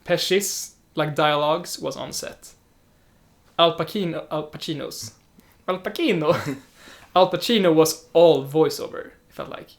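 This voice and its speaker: A young man with a somewhat high voice chats casually about films. He is lively and animated, and he slips easily into imitating how other people talk. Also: creaky. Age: young adult. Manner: chatty, animated, quick to imitate others' speech. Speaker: podcast co-host, film student. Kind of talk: casual film discussion.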